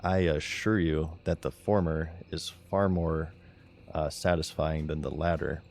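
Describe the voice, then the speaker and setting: A man with a monotone, low-energy delivery, chatting casually as he streams a game. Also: measured pace, slight background noise. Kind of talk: casual chat while gaming.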